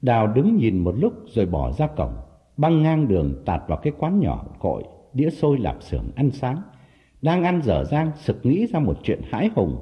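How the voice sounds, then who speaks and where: A man narrating a story in an expressive, dramatic storytelling manner. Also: mid-range voice, normal speed. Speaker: audiobook narrator. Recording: dull lo-fi audio with background music.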